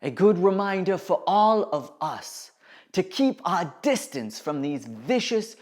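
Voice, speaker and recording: Slow, dramatic woman presenting a nature documentary. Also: on the low side, sing-song, a little mellow. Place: studio. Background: background music.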